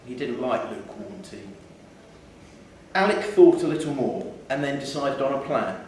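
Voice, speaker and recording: This is a man reading a literary short story at a live event inside a theatre, his medium-pitched voice animated and darkish, his speed normal. Because the microphone is distant, the sound is very echoey, with faint background noise.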